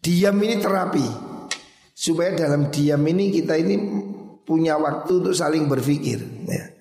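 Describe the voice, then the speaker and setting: A man's voice: fairly high pitch, moderate pace, mellow, echoey room, long reverb tail. A man with a Javanese accent giving a religious lecture, explaining Arabic text in Indonesian and Javanese and repeating his advice. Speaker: preacher teaching a hadith book.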